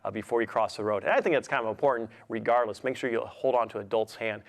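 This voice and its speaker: A man's voice: lowish voice, quick pace, gravelly. A man performing as a kids party magician, encouraging and playful, asking children simple questions as he talks them through a trick. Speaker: kids' magician, guest entertainer. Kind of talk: interactive children's magic show patter.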